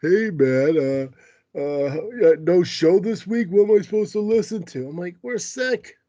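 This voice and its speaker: The recording is dull and echo-free, capturing a man's high-pitched, dark-toned voice with lively intonation and a measured pace. He's hosting a casual podcast with a cold and runny nose, beginning with an ad read and then chatting in a foul-mouthed, self-mocking, grumbling manner.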